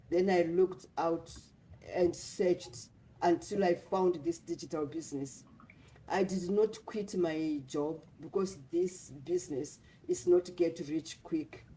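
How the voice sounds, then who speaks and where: A woman's voice: lowish voice, mellow, low-quality recording. A woman from Zimbabwe speaking earnestly as a guest on a livestream panel, in a repetitive, motivational way. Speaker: guest speaker, nurse and business mentor.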